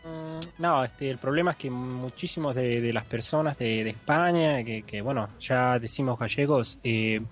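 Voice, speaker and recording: A man's voice: medium pitch, normal speed, hardly any pauses. Argentine male co-host, ironic and rambling, casual banter. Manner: ironic, meandering, many restarts. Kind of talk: casual banter on radio show.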